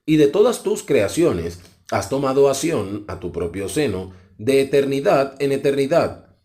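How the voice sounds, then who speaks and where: A man reading as an aged prophet questioning heaven in reverent awe. The tone is warm and dark, and the pitch moves expressively. The delivery is solemn and declaimed. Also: big pitch swings, a little slow. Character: pleading old male prophet, reverent and awed. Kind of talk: scripture reading.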